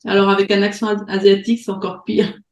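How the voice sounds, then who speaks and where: Une femme qui anime une réunion en ligne et présente sur un ton détendu, avec beaucoup d'hésitations et de reprises. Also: female voice, mid-range voice, monotone, fast talker, echoey room, poor audio. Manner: hesitant, many fillers and restarts. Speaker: host of an online meeting. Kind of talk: casual presentation on a video call. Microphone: video call.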